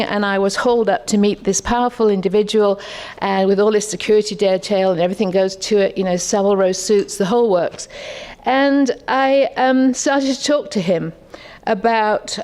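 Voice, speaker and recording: A woman's voice: mid-range voice, a little mellow. A woman, speaking as a conference discussant in a conversational, reflective keynote with rhetorical questions. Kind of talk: keynote talk with personal anecdotes.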